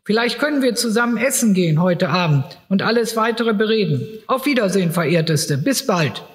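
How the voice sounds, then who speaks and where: A man reading aloud as a flustered lawyer who shouts into the phone. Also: high-pitched, fairly quick, pitched above the performer's own voice. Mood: excited. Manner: shouting, excited. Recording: reverberant hall.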